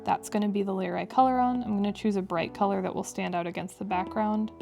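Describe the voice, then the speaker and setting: A woman talks through a drawing tutorial in a casual, rambling way with wry asides. Her voice is fairly low for a woman and full of creaky vocal fry. Piano music plays clearly behind her. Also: fairly even intonation, quick pace, warm tone. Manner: chatty, wry asides with frequent "like". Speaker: digital artist narrating a drawing tutorial.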